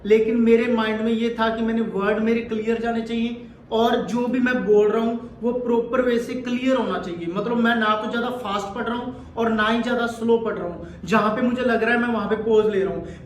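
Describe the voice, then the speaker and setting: A man's voice: very high-pitched, steady tone, a little fast, slight background noise. A man giving a direct, instructive exam-coaching lesson, repeating his points as he explains. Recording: echoey room with faint ambience.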